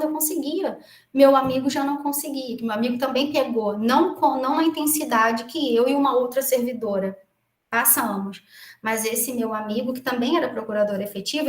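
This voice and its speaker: A Brazilian woman lecturing as a municipal attorney, telling a personal story in a chatty way with many asides and restarts. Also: a little high. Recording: echoey room.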